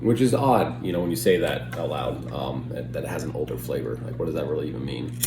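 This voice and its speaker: A bass-voiced American man talks quickly while reviewing pipe tobacco in a casual way, rambling and hesitating as he loops back to qualify what he's said. The recording has a roomy echo and faint background noise.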